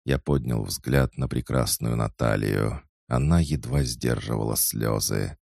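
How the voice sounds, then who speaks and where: Deep deep gravelly guy reading a fantasy audiobook, slow and steady, dry close sound. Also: no room sound. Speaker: audiobook narrator. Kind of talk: first-person fantasy audiobook narration.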